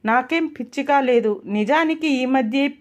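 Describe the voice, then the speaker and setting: A woman's voice: high voice, normal speed, natural voice. A woman reading a storybook voices a young woman in love who speaks earnestly and pleadingly. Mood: defiant.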